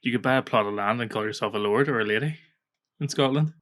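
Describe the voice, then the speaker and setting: A man's voice: mid-range voice, fast, fairly bright tone. A man co-hosting a casual chat, talkative and teasing. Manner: chatty, teasing, laughs often. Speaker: podcast co-host.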